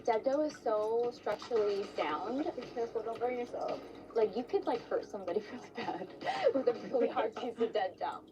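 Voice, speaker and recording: A woman's voice: a little high, fairly quick, highs cut off, noisy background. A woman who is a cake baker, chatting in a bubbly, quirky, giggly way on a studio kitchen set. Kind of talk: casual competition-show chat.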